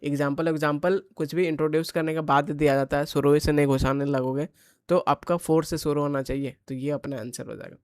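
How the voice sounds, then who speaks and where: A male coaching teacher solving an exam paper in casual Hinglish, with an Indian English accent, reading the English questions slowly. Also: fairly high pitch, little pitch movement, darkish tone, no echo, poor audio. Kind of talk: exam paper solution lesson.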